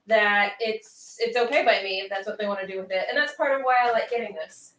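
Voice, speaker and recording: A woman's voice: mid-range voice, a bit bright, echoey room, far from the mic, poor audio. Chatty woman livestream host from the northeastern US. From northeastern United States. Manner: chatty, talks straight to viewers and chat; says she talks fast. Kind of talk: casual livestream chat.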